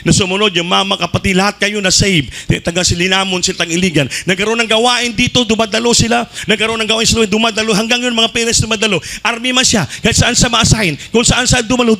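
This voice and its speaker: A man preaching a sermon fervently, swinging between shouted peaks and low asides and mixing in English phrases. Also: steady tone, quick pace.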